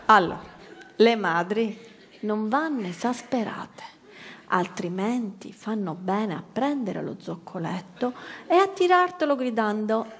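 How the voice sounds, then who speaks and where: A woman's voice: medium pitch, lively intonation, unhurried. A woman comedian, telling an ironic stand-up story. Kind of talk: stand-up monologue.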